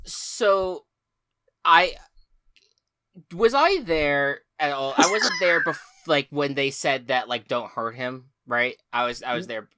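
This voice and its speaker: A man's voice: on the high side, animated, slow pace, sharp tone, smooth. A man playing in a tabletop game, asking hesitant questions with restarts. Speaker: player. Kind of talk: casual tabletop play.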